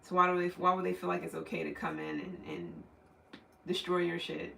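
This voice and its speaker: A man's voice: high voice, very animated, brisk, gravelly, pushed and bright, roomy sound, far from the mic, a little hiss or hum, poor audio. A man giving a casual, rambling tarot reading, swearing freely and laughing often. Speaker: tarot reader.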